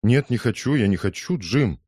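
A man putting on a timid young woman, soft pleading, raised pitch, dry storybook reading. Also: animated, moderate pace, no echo, natural voice. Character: young working-class woman, timid and gentle.

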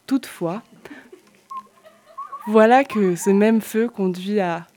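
A woman's voice: medium pitch, slow pace, dark tone, slight background noise. A woman reading surreal, free-associating poetic text in a playful, dreamlike way on a small event radio. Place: makeshift radio at a summer gathering.

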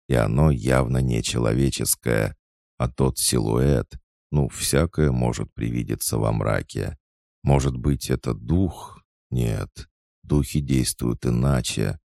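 A man reading a story aloud as an audiobook narrator, steady and measured. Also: a bass voice, gravelly, no echo, studio quality.

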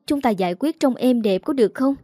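A tearful young model voiced by a woman, stammering out excuses and begging in a slightly raised, quickening voice. The tone is mellow and the recording dry. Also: sits high, lively intonation, dry recording, pitched above the performer's own voice. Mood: pleading tearful. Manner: sobbing, pleading, stammering. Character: young female model, tearful, pleading, evasive.

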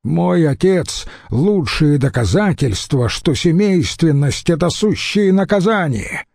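A male audiobook reader voicing a brash, hot-headed young Roman who blusters and shouts. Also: a little high, lively intonation, measured pace, vocal fry, dry recording, studio quality, voice pushed up, exaggerated voice. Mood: defiant.

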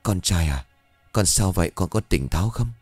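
A frightened old father, whiny and pleading, as a male storyteller puts him on. The voice jumps up when he begs. The recording is dry, with soft music behind. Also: deep voice, expressive, normal speed, slightly rough, no room sound. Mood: whimpering. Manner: whimpering, pleading.

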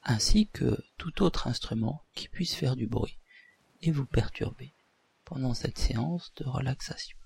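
Man, hypnotherapist, soothing relaxation guidance, unhurried, gravelly and breathy. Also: medium pitch, darkish tone. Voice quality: breathy, husky, at times near whisper. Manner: slow, deliberate, soothing delivery with pauses. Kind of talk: guided hypnosis relaxation session.

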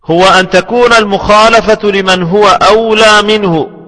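A man with a high, bright voice teaches a classical religious text. He speaks slowly and repeats each phrase for dictation. His voice rings with a long reverb, as if he is in a large hall. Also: steady tone. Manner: deliberate, repeats phrases for students to write. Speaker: Islamic scholar teaching hadith terminology. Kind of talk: slow classroom lecture with repetition for dictation.

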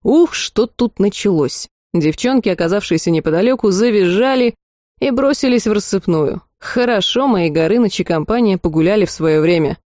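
A woman narrating an audiobook in lively first-person storytelling. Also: mid-range voice, fairly quick, dry recording, studio quality. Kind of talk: scripted narration.

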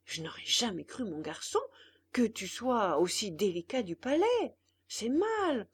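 Woman reading as a patient old father, gentle and lecturing, slow storybook pace. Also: mid-range voice, big pitch swings, breathy edge.

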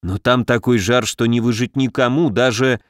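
A man's voice: medium pitch, steady tone, moderate pace, no room sound, studio quality, natural voice. A man voicing an exhausted senior air mage who talks in a strained, weary way.

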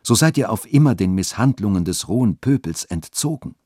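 A man's voice: fairly low pitch, lively intonation, warm tone, breathy edge, no echo, clean studio sound. Man doing a grave churchly dean. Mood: stern. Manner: grave, measured admonishing. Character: stern, dignified elderly dean of the church.

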